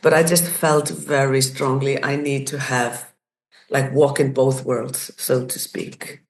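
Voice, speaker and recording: With an extremely low pitch, a level tone and a slow pace, a woman in her sixties from Iceland shares her life story as a podcast guest. A community facilitator, she is thoughtful and reflective, restarting phrases as she looks for words.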